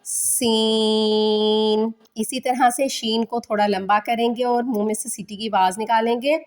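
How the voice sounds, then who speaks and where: A woman teaching children the alphabet for Quran reading, stretching each letter sound slowly between short explanations. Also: a little high, fairly even intonation.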